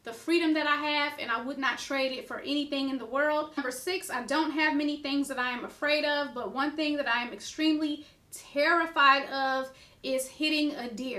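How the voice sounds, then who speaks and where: A chatty middle-aged woman with a high, bright voice talks casually to her viewers, often circling back with little fillers. She sounds like she is in an echoey room. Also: steady tone, normal speed. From United States. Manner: chatty, repeats herself with "you know" and "like". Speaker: vlogger. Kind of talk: casual talk to camera.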